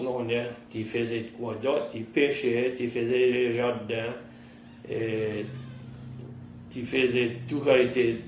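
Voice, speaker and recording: A man in his fifties with a Cajun French accent, plain-spoken in rural vernacular, recounting his life in an interview. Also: mid-range voice. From southern Louisiana, United States. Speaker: interviewee, trapper and fisherman. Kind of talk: oral-history interview, recounting past life. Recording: roomy echo, faint background noise.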